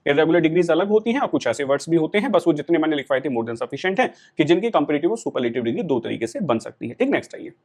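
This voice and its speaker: Indian man, middle-aged teacher, lively rising-and-falling voice, slightly high, patient lecture style. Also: quick pace, few pauses. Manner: explains patiently, checks in with students often. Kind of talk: classroom lecture.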